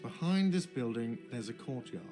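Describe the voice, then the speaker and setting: A man's voice: mid-range voice, lively intonation, normal speed, dark tone, soft background music, lightly acted. An actor voicing a grumpy, money-minded male cafeteria manager in a video game, curt and irritable.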